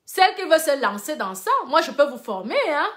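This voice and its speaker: A woman's voice: sits high, sing-song, a little fast, a bit bright. A middle-aged woman giving casual, emphatic commentary to her online viewers, lecturing and repeating words for stress.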